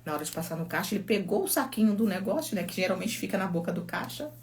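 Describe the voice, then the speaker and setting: A woman's voice: mid-range voice, animated, fast. A middle-aged woman with a Brazilian Portuguese accent, a psychologist chatting casually on a phone live stream, telling stories and reading viewer comments aloud.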